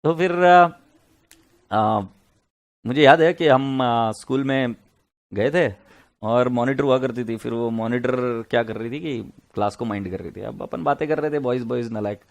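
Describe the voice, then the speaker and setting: A man's voice: medium pitch, moderate pace, creaky. Chatty, joking male lecturer. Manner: chatty, joking, mixes Hindi and English. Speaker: accounts lecturer. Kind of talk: casual classroom lecture with storytelling. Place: classroom with students.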